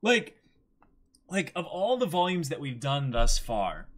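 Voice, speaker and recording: Against a plain backdrop in a small indoor room, a host in his twenties alternates between dramatically reading a manga and reacting to it casually. His fairly high, fairly bright voice swings widely in pitch and runs a little slow.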